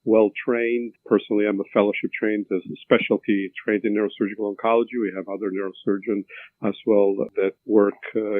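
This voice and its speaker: A man in his fifties with an Albanian accent, a neurosurgeon answering interview questions in a halting way with many fillers and restarts. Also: fairly low pitch, dry recording. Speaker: neurosurgeon guest. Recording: tinny phone-like line, dry.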